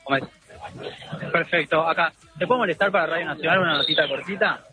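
A man's voice: fairly high pitch, fast talker, over music. A man with an Argentine accent reporting from a crowd of fans, doing friendly street interviews for radio. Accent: Argentine Spanish. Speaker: field reporter.

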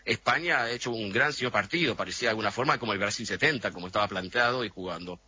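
A middle-aged man explains things at length, hesitating now and then as he works through his point. His voice is husky, with a bright, forward edge. The sound comes through a dull, lo-fi remote line. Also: lowish voice, quick pace. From Argentina. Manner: thoughtful, explanatory, frequent hesitations. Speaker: interview guest. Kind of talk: radio interview over a remote line.

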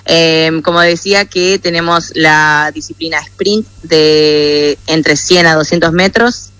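A young woman takes interview questions over a phone line. She talks slowly and a little hesitantly, in a bright, clear, smooth voice. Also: sits low, no room sound. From United States. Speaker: athlete guest. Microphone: phone call over WhatsApp.

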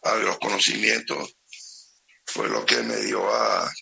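A middle-aged Venezuelan man with a Venezuelan Spanish accent, speaking on a phone interview, halting and repeating words as he talks slowly and gravely. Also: on the low side, little pitch movement, pushed and bright, slight background noise, low-quality recording. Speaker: special state security operator.

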